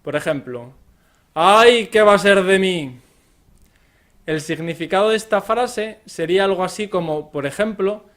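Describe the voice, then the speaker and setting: A man with a Spain accent teaching a lesson in a careful scripted style, now and then acting out short example phrases. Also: a little high. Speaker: Spanish teacher.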